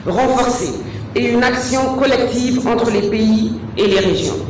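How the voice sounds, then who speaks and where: A woman's voice: fairly high pitch, a little hiss or hum. A woman, an international agency official, giving a formal, read-out speech. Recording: echoey hall, distant mic.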